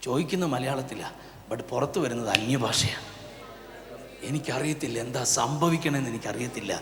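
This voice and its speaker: A male pastor, preaching a sermon and swinging from quiet asides to loud, impassioned calls. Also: medium pitch, fairly quick, a crowd in the background. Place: church prayer hall. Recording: echoey church hall, long reverb.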